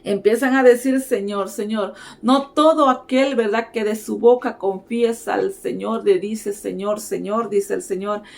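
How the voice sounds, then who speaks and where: A woman's voice: a little high, steady tone, a little slow, creaky, hardly any pauses. A woman preaching a sermon, earnestly urging her listeners and tagging her phrases with a questioning filler. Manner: repeats "¿verdad?" as a filler, earnest exhortation.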